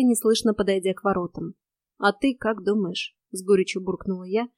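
A woman narrating a first-person fantasy audiobook in a wry, lively way. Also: medium pitch, no room sound, studio quality.

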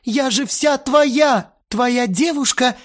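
A man's voice: very high voice, takes it slowly, voice pushed up. A man doing a clingy, tearful young woman. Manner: pleading, sobbing, switching to rage.

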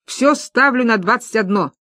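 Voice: medium pitch, normal speed, sharp tone, no room sound, pitched above the performer's own voice, natural voice. Bossy woman ringleader read by a narrator, blunt commands, audiobook, dry close voice.

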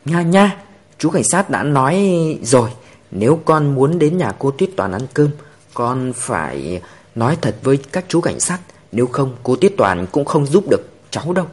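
A man voicing a patient, firm female police officer, speaking calmly and earnestly. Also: mid-range voice, normal speed, slightly rough.

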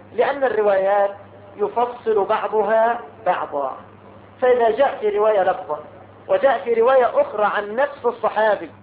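High-voiced man teaching, tinny echo. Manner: explanatory, asks the class rhetorical questions. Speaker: religious teacher. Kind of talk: hadith lesson. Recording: tinny phone-like sound, roomy echo, faint hiss.

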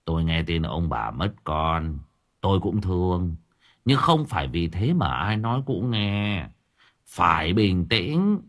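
A man voicing an arrogant young village thug who talks low, slow and taunting. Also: very animated, heavily acted. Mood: scornful.

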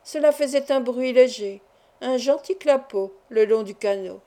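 Mellow-voiced woman reading a story. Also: a little high, measured pace. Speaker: audiobook reader. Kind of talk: scripted narration of a classic short story.

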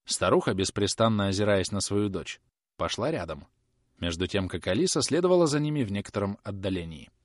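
Male audiobook narrator, classic novel, animated delivery, dry close sound. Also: fairly low pitch, brisk, no room sound. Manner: expressive storytelling.

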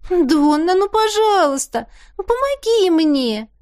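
A woman's voice: very high voice, big pitch swings, slow pace, darkish tone, pitched above the performer's own voice, exaggerated voice. A woman voicing a spoiled young woman who whines and pleads with her cousin. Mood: pleading whiny. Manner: whining, pleading.

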